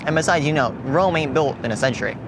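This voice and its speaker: A man's voice: on the high side, fast, natural voice. A young man playing a pompous site captain. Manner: self-important, rambling. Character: pompous male site captain, proud of cones. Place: outdoor construction site by a road. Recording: traffic noise outdoors.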